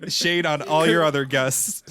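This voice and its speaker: A man who is a guest on a podcast, chatting in a relaxed, playful way. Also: on the high side, a little slow, smooth, dry recording. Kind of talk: casual chat.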